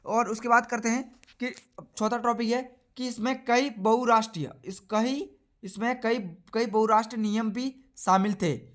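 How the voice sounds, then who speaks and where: A man's voice: extremely high pitch, steady tone, unhurried. A young man teaching a class lesson, repeating each point and asking and answering his own questions.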